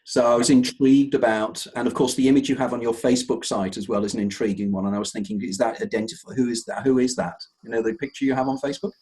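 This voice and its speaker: A man's voice: medium pitch, fast, hardly any pauses, a little mellow. A man hosting an interview show, enthusiastic and often repeating words as he searches for the next phrase. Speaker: host.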